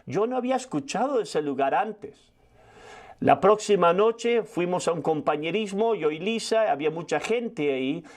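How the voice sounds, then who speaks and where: High-voiced older man preaching a testimony. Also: animated. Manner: fast storytelling with frequent restarts. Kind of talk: sermon testimony.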